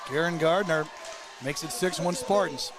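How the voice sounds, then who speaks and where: A man working as play-by-play commentator, calling a hockey game rapidly and getting excitable on big plays. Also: a little high, crowd noise. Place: live at an ice rink.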